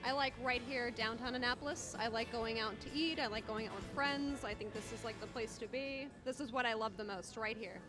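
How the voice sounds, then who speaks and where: A woman answers a street interviewer in an easy, enthusiastic way, her voice a little high. Music plays clearly in the background. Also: fairly quick, few pauses. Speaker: passer-by.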